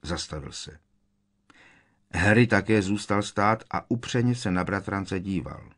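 A man narrating an audiobook in a measured storytelling way, giving each character his own voice. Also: sits low.

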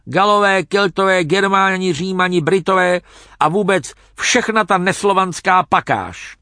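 A man's voice: high voice, pushed and bright, no echo, clean studio sound, pitched above the performer's own voice. A man voicing a sly young granddaughter coaxing her grandfather, scornful and persuasive.

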